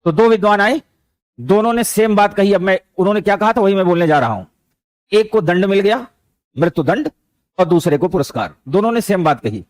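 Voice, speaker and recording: A man's voice: sits high, animated, brisk, no room sound. A man teaching a motivational lesson, speaking conversationally and weaving in anecdotes and stray English words. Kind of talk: motivational lecture with storytelling.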